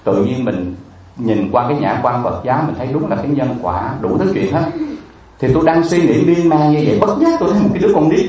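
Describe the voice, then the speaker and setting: A Buddhist monk tells a story as a sermon, in a vivid and emotional way, with many repeated fillers. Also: male voice, medium pitch, expressive, quick pace, dark tone. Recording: echoey room, distant mic, faint ambience.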